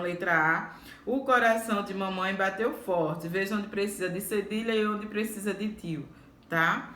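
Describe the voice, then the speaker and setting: A woman teaches young children, going through worksheet exercises slowly and sounding out syllables again and again. Her voice is bright and forceful. She is recorded in an echoey room with faint noise behind her. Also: mid-range voice. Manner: slow, careful, repeats words and syllables. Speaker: primary school teacher.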